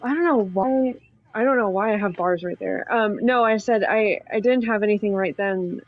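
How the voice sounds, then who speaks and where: A woman's voice: medium pitch, moderate pace, dry recording, faint music behind. A woman joining a discussion over a remote call with a bad connection that keeps cutting out, talking hesitantly with stumbling restarts. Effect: bad connection, audio cutting out. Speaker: call-in participant. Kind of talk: casual discussion. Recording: dull lo-fi call audio.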